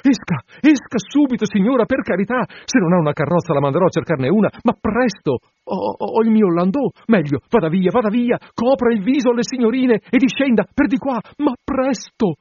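A man's voice: medium pitch, lively intonation, normal speed, dark tone, husky, dry recording, highs cut off. A man voicing an affected, flustered society baroness in her fifties, fussy and pompous, in a storybook reading. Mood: panicked.

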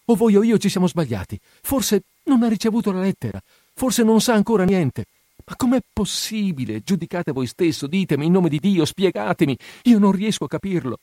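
A man reading aloud, voicing a heartbroken, desperate young woman who pleads in high, anguished cries. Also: sing-song, moderate pace, dark tone, no room sound, studio quality.

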